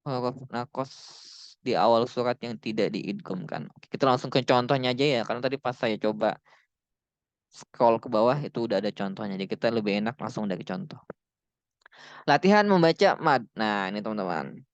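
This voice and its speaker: Male recitation teacher, casual and chatty, smooth voice, slightly dull dry recording. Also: medium pitch, lively intonation, no room sound. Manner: chatty, drawn-out demonstration recitations. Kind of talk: casual online tajwid lesson.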